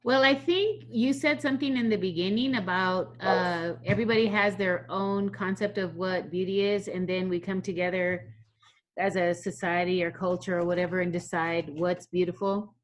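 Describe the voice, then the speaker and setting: A woman's voice: on the low side, fairly even intonation, normal speed. Woman musing aloud in a video call. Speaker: workshop participant. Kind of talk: casual discussion.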